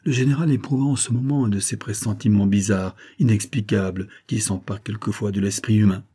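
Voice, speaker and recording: A man reading a novel aloud as audiobook narrator in a measured, steady way. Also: fairly low pitch, slightly rough. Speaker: audiobook reader.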